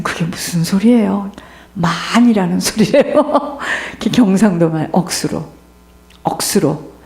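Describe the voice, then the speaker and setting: A woman preaching a sermon in an animated storytelling way, acting out the voices of the people in her stories. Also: mid-range voice. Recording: echoey room.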